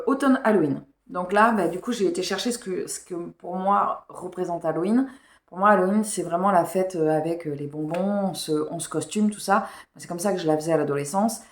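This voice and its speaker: A woman book vlogger chatting casually and rambling about her reading pile, with slightly unclear diction. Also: medium pitch. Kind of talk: casual chat. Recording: echoey room.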